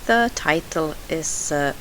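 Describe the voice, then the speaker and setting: A Swedish woman hosts a scrapbooking video, narrating with a Swedish accent in a low voice that is a bit bright and animated but slow. She hesitates throughout, with "uh" fillers and restarts. The hissy home voice-over is a low-quality recording.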